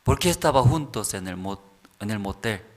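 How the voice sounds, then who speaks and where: Halting man preaching a sermon. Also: lowish voice, expressive. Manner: halting, simple phrasing with many rhetorical questions. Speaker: pastor.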